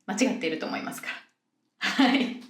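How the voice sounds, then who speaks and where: A young woman from Yokohama hosts a podcast for Japanese learners, explaining things in a friendly way and acting out example phrases. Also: brisk. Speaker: podcast host teaching Japanese. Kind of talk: casual podcast monologue. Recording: roomy echo.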